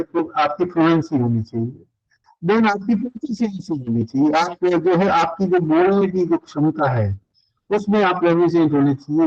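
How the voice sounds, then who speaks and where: A man's voice: a little high, darkish tone. Older male lecturer, lo-fi recording. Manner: explanatory, lists points, mixes in English phrases. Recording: dull lo-fi recording.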